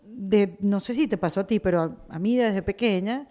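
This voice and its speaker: A woman with a Venezuelan accent hosting a podcast interview, chatty, expressive and playful, recorded in a studio. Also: medium pitch, moderate pace. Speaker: podcast host. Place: studio in a coworking space.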